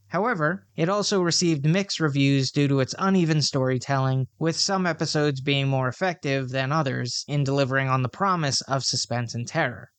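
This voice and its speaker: A man hosting a movie podcast, reading a prepared review in a steady scripted way. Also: on the high side, smooth, no room sound. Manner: reads a prepared review, then flubs and laughs at blooper takes. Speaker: podcast host. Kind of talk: scripted podcast monologue with outtakes.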